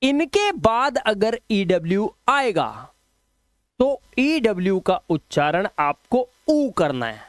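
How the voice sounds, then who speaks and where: A man teaching English pronunciation, drilling word lists slowly and chatting with viewers between rules. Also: high voice, big pitch swings, dry recording. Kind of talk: spoken English lesson.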